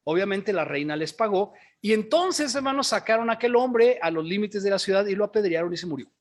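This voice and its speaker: A man's voice: high-pitched, lively intonation, a little fast. A male pastor preaching a sermon, retelling a story and asking the congregation questions as he goes. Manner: storytelling, asks the congregation questions, says "hermanos" often.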